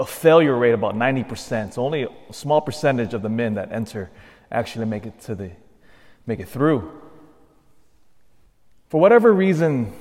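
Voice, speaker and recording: Priest, male, mid-pitched, preaching earnestly with cathedral echo trailing every line. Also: darkish tone. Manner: earnest preaching with emphatic repetition. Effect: long cathedral-like church echo. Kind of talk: gospel reading and homily. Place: large church. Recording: long echo of a large church.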